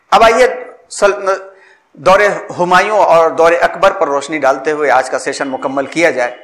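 A man with a slightly high voice delivers a formal history lecture. His phrasing is elaborate and measured, and he often breaks off a word to restart it. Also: a bit bright.

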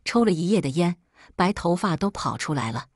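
A woman telling a first-person story in calm, steady scripted narration. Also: on the low side, brisk, no echo, studio quality.

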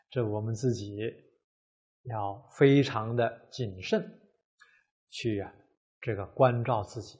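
Man, buddhist lecture, unhurried, breathy-husky voice, frequent "ah" fillers. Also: medium pitch, darkish tone. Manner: measured, drawn-out, many "ah" fillers. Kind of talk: dharma lecture.

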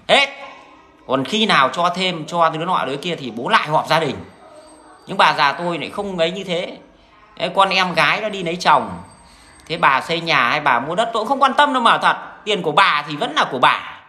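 A man's voice: a little high, pushed and bright. A man with a Northern Vietnamese accent, talking to his viewers in a blunt, crude, rambling monologue full of restarts. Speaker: vlogger addressing viewers.

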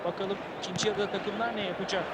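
A man's voice: high-pitched, fairly even intonation, quick pace, lightly acted. A man playing an opinionated, enthusiastic football co-commentator in a video game, giving analysis in full flowing sentences. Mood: measured. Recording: loud stadium crowd and noise. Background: roaring football crowd.

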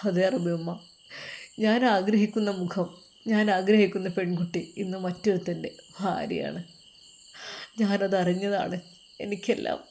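A woman voicing a heartbroken young man who speaks in a hushed, halting, sorrowful way. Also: mid-range voice, steady tone, creaky.

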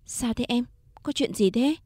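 A woman voicing a caring, successful man who speaks softly and reassuringly in a storybook reading. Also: on the high side, normal speed, dry recording, clean studio sound, voice pushed up, natural voice. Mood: urgent.

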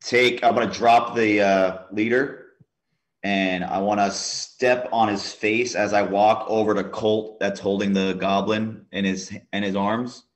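Low-voiced man playing a character. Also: steady tone, measured pace. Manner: describes actions step by step, with fillers. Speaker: player. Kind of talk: playing a tabletop game.

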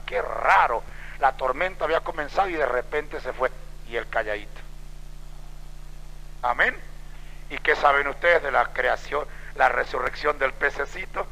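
A man preaching a sermon in a church, telling stories with drama and acting out the voices of the people in them, moving between loud exclamations and hushed low passages. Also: creaky. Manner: dramatic storytelling, acts out quoted voices. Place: church sanctuary. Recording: long hall reverb.

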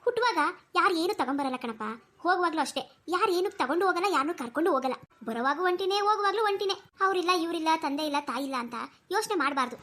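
Cartoon old grandmother, voiced by a woman, warm and preachy, high and fast. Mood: consoling. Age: older. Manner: warm, soothing, preachy, lively. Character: kindly talkative old grandmother. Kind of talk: cartoon voice acting.

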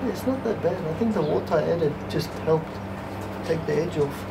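A young man with a slightly high voice, normal speed and some vocal fry hosts casually, coaching a guest through an ice bath. He's on an outdoor covered backyard patio, recorded a bit away from the camera with a distant mic and outdoor background noise.

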